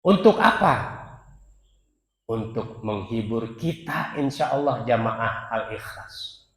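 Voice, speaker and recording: A man preaching a sermon at a mosque, swinging between loud calls and soft near-whispers and chanting Arabic verses, speaking directly to the congregation. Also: mid-range voice. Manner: addresses the congregation directly as "Pak". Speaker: preacher at a dawn mosque study. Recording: echoey mosque hall with long reverb.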